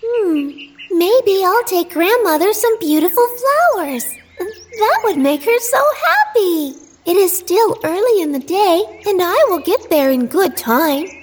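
A sweet little girl answers everyone with innocent eagerness, her voice pitched high and light, as a woman narrator puts her on. She sounds trusting and bright, a classic fairy-tale child. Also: very animated, a little slow, slight background noise, exaggerated voice. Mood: dreamy. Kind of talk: storybook read-aloud.

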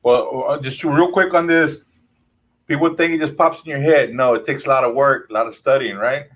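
A man's voice: mid-range voice, steady tone, normal speed, a bit bright, poor audio. A man hosting a casual interview, laid-back and peppering his questions with man. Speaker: host.

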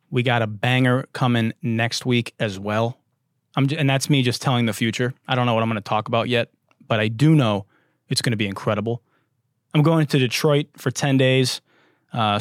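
A man's voice: mid-range voice, dry recording, studio quality. A man hosting a comedy talk podcast, sarcastic and profane, laughing often between jokes. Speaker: podcast host.

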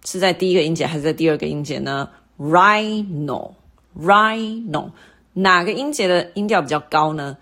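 A middle-aged woman hosting a lesson, explaining English word stress to listeners patiently and repeating each example word slowly. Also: low voice, a bit bright. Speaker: English teacher and podcast host.

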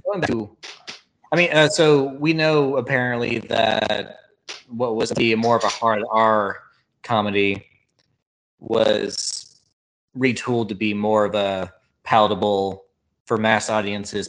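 A man's voice: lowish voice, flat delivery, a bit bright, poor audio. A man in casual podcast talk about a movie, rambling with many filler words. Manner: rambling, heavy filler words, quick mimicry of film lines. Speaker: podcast host reviewing a film. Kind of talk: casual chat.

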